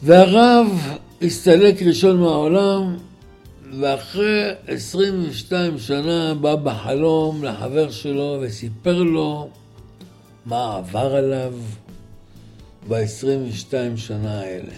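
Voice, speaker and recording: A man telling a religious story as a sermon, dramatic, acting out the characters' shouts. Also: on the high side, soft background music. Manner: dramatic, acts out voices and shouts.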